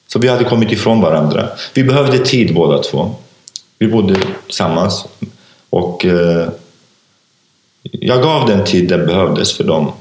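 A man telling his personal story in an interview, speaking haltingly with many fillers and restarts. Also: low voice, darkish tone. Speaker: interview guest, author. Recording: echoey room.

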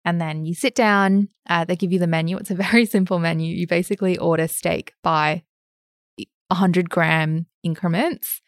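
A woman's voice: on the low side, steady tone, moderate pace, no room sound, clean studio sound. Sweet-voiced woman co-host. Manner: chatty, laughs easily, plain explainer. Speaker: podcast co-host. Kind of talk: casual investing podcast chat.

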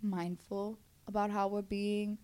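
Female interview guest, Brooklyn accent, mid-pitched, candid and slangy, swears freely. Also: little pitch movement, slow pace, dark tone. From Brooklyn, New York. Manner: blunt, frequently swearing, slangy. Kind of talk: candid casual conversation.

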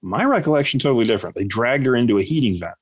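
A man co-hosting a podcast, chatting casually and telling stories in a rambling, animated way. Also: medium pitch, rapid-fire, slightly rough, no echo. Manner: rambling, animated storytelling with quoted voices. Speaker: podcast co-host. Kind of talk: casual chat.

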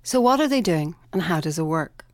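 A woman delivers scripted documentary narration, earnest and emphatic. Her voice sits low and the recording is close and dry. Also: animated, a little fast, no echo. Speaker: presenter.

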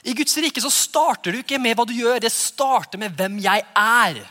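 A man preaching a sermon as pastor, lively and conversational, acting out little quoted exchanges. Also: very high voice, in a large hall.

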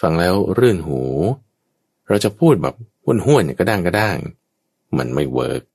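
Deep husky-voiced monk teaching. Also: male voice, sing-song, a little slow, a little mellow. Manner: patient and explanatory, briefly acting out everyday speech as examples. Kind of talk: conversational Dharma teaching.

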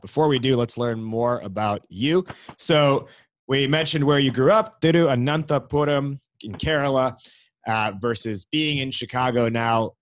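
A man's voice: mid-range voice, no room sound. A man hosting a podcast interview in a conversational style, introducing his guest and putting questions.

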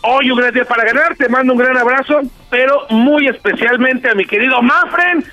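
A Mexican man reads the sports news at high energy, rattling off scores. His voice is very high and bright. It comes in dull and muffled, with faint music underneath. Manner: energetic, rapid sports rundown. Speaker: sports commentator. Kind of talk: sports news segment on radio.

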